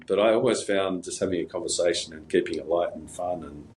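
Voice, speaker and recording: Deep-voiced man telling stories. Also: quick pace, darkish tone, slight background noise, low-quality recording. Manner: rambling anecdotal delivery with fillers and restarts. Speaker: guest. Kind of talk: casual interview storytelling.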